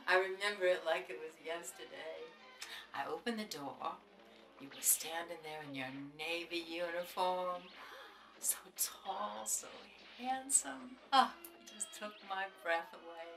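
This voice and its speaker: An actress playing a forgetful, wistful older grandmother in a horror-comedy film, talking in a dreamy, drawn-out way. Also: mid-range voice, sharp tone, recorded from a distance, natural voice. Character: forgetful, wistful grandmother missing her husband. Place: living room, indoors.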